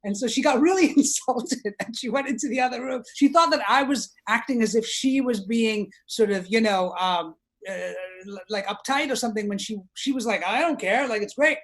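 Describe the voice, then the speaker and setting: A man on a video call, telling an anecdote as an animated storyteller who acts out the quotes. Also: extremely high pitch, normal speed. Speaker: panelist actor. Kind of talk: casual anecdote.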